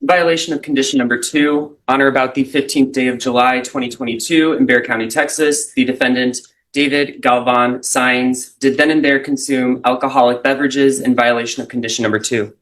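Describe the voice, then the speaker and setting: Prosecutor, man, formal and measured, captured on courtroom audio. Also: mid-range voice, fairly even intonation, a bit bright, slight background noise, poor audio. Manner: formal, measured legal phrasing. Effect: courtroom recording. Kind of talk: reading charges and questioning a witness in court.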